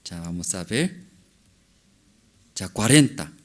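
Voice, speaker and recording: A man preaching a sermon as pastor, in halting non-native Spanish with broken grammar, often asking the congregation questions. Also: sits low, expressive. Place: church service.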